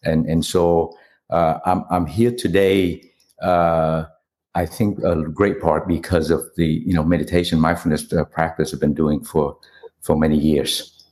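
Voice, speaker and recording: Deep voiced guy from vietnam, lots of uh's and restarts while answering. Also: little pitch movement, darkish tone. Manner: halting, many fillers and restarts. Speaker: guest, nonprofit CEO. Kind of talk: interview answers.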